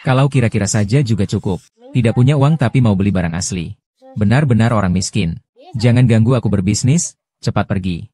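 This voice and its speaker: A man narrating a dubbed drama recap, reading every character's lines in one even voice. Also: fairly low pitch.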